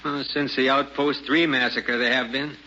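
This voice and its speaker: A man's voice: mid-range voice, steady tone, normal speed, sharp tone, natural voice. An actor playing a hard, grim father with curt, terse answers in an old-time radio drama. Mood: grim, dismissive. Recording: muffled old radio recording, some noise.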